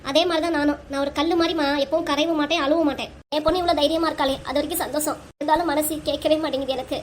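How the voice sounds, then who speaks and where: A woman's voice: sits high, steady tone, racing, slight background noise. A woman voicing an emotional, argumentative family quarrel in a cartoon. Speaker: voice actor for all the figures. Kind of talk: cartoon voice acting.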